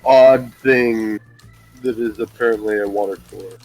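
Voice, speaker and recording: A man playing a tabletop game, describing his character in a relaxed, chuckling way. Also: lowish voice, moderate pace, soft background music, poor audio. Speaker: player.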